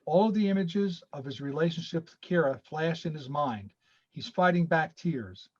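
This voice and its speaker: A man's voice: a little high, lively intonation, moderate pace. Man reading stage directions, lo-fi. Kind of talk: screenplay reading. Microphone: video call. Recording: lo-fi video call audio.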